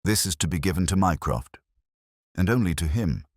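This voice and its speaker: A man reads the part of an aging, detached, brooding gentleman detective in a Victorian audiobook, making grave, cryptic pronouncements. His low voice is expressive at normal speed, in clean studio sound with no room echo.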